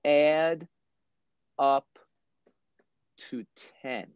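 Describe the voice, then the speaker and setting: A math teacher patiently and deliberately explaining a puzzle to young children in an online class. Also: mid-range voice, a little mellow, clean tone, no echo, highs cut off.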